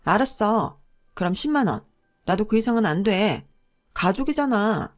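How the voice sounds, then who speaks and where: In a radio drama, a woman plays a bossy, greedy middle-aged sister-in-law who shouts angrily, speaks rudely, and demands money. Her medium-pitched voice has lively intonation at a moderate pace, with natural sound and soft background music.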